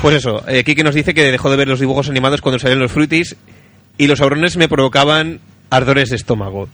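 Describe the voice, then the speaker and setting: Hosting a radio show, a Spanish man with a Spanish accent chats in a jokey, colloquial way and reads out listener messages. His mid-range voice is a bit bright and moves at a quick pace. Music plays in the background.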